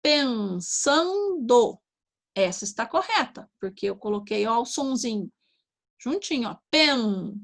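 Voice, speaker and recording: Woman, Brazilian Portuguese, primary teacher, slightly high voice, sounds out syllables, patient. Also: very animated, creaky. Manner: slow, sounding out syllables, frequent "tá?" and "ó". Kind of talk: online lesson to young children.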